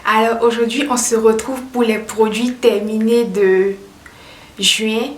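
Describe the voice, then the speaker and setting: A woman hair care vlogger with a slightly high, fairly even voice talks slowly and upbeat in a casual product review, repeating herself. She's recorded far from the mic in an echoey room, so a heavy echo surrounds her voice, along with slight background noise.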